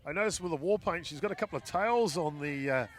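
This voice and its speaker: Excited man calling softball. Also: a little high, fast. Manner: lively play-by-play, rising loud on big plays. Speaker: softball commentator. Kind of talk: live sports commentary. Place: outdoor ballpark.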